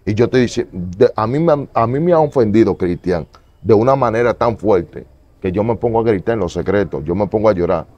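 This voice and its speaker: A man's voice: expressive, a little fast, lo-fi sound. Fervent man preaching his testimony. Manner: fervent, repetitive, swings from loud pleading to low murmurs. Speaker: evangelist guest. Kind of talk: emotional testimony in an interview.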